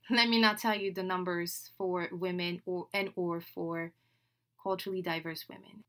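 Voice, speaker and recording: Bright-voiced French-speaking podcast host woman. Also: lowish voice, fairly even intonation, measured pace. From Senegal. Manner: chatty and upbeat, laughs between phrases. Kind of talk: solo podcast introduction.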